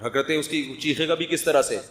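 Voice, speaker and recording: Middle-aged guy giving a sermon, talks like a chat, keeps asking the crowd to answer, slightly high voice. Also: steady tone, fairly bright tone. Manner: conversational, humorous, prods the audience for answers. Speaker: religious scholar.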